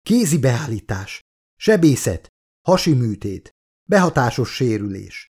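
A man playing a desperate woman scientist in an audiobook, in agony and giving urgent, pained orders. The voice sits at a middling pitch, close to the reader's own. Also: big pitch swings, darkish tone, husky.

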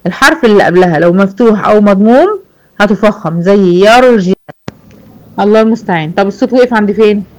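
A woman with an Egyptian accent teaching a Quran recitation lesson to girls. She explains the rules slowly, repeats examples and checks that her students follow. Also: medium pitch, lively intonation, a little mellow, rough recording. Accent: Egyptian Arabic. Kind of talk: online tajweed lesson.

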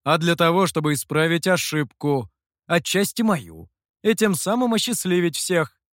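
A man voicing a stern, menacing dark master who speaks in a threatening way in an audiobook. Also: on the high side, big pitch swings, normal speed, no room sound, clean studio sound.

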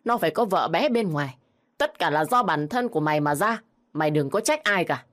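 A woman's voice: deep voice, lively intonation, a little fast. A woman voicing a harsh, berating elderly mother-in-law in a storybook reading. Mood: scolding.

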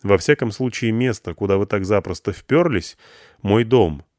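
A man voicing a calm, dryly sarcastic grown man. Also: fairly low pitch, moderate pace, no room sound, studio quality, close to an everyday voice.

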